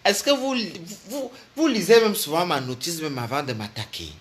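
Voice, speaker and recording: A man tears into someone in a comic vlog rant, mocking and laughing as he goes. His voice sits high for a man. His pitch leaps and swoops constantly. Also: normal speed, slight background noise. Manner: animated, mocking, trading insults with laughter. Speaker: vlogger. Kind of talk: comic ranting monologue.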